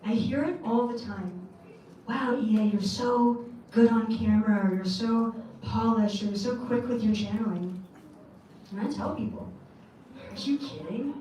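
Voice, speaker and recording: A woman from Canada tells a candid story to a live audience, her voice sitting a little high. She is picked up from a distance in a big, very echoey hall. A faint room hum sits underneath. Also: normal speed, mellow. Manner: candid, storytelling, casual swearing. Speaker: speaker on stage. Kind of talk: stage talk to an audience. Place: large event hall. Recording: echoey hall recorded from far off.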